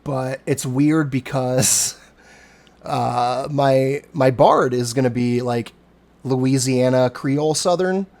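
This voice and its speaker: A man in his forties with a gravelly voice talks in a loose, rambling way. He swears freely and grumbles about getting old, in a casual home chat over voice call. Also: medium pitch, slow, a little mellow. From Cincinnati area, USA. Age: 40s. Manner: rambling, profane, self-deprecating.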